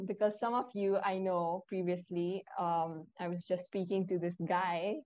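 A young woman hosts a relaxed podcast. She rambles in a friendly, chatty way and speaks directly to her listeners. She often stops to fix her own words mid-sentence. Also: on the low side, unhurried. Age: young adult. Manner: chatty, addresses listeners directly, self-correcting. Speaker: podcast host. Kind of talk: casual podcast chat.

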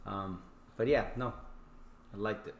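A man's voice: on the low side, measured pace, vocal fry, roomy sound. A man chatting as a podcast guest, opinionated and blunt. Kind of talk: casual chat.

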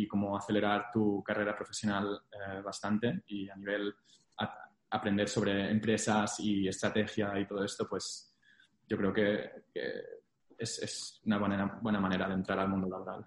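A young man with a low, slightly mellow voice tells of his career experience as the guest in a casual interview, recorded in an echoey room. He used to be an investment banking analyst and speaks Spanglish, mixing English business terms into Spanish.

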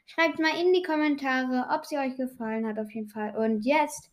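A woman's voice: high-pitched, moderate pace. A woman casually telling jokes, often hesitating with fillers as she recalls them from memory.

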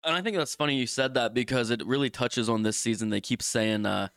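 A man's voice: mid-range voice, a little fast, fairly bright tone, dry recording, studio quality. A man co-hosting a podcast in casual, laid-back, slangy chat. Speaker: podcast co-host.

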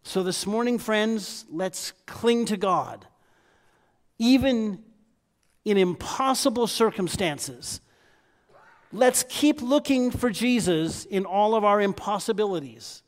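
Slow-speaking high-voiced male preacher. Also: expressive. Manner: emphatic preaching with repeated proclamations. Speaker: pastor. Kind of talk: sermon.

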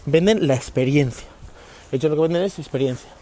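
A man's voice: a little high, fairly quick, dark tone. A man from Spain, hosting a casual podcast from his parked car, rambling with frequent restarts and mild swearing. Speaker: podcast host. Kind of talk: casual chat.

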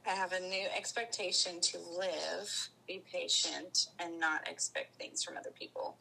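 A woman as a coaching client, answering questions and repeating an affirmation in slow, deliberate phrases. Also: lowish voice, fairly even intonation, gravelly, bright, forceful tone, husky, low-quality recording.

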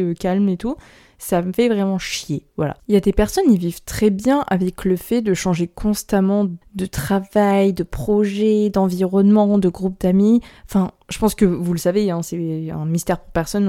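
A young woman hosting her own podcast, talking candidly in a rambling, quick way and laughing nervously now and then. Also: medium pitch, dark tone. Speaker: podcast host. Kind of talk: personal solo podcast talk.

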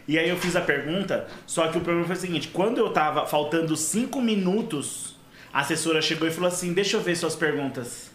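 A man's voice: a little high, fairly quick, echoey room, a little hiss or hum. A man telling a story in a casual podcast chat, acting out quotes and laughing often.

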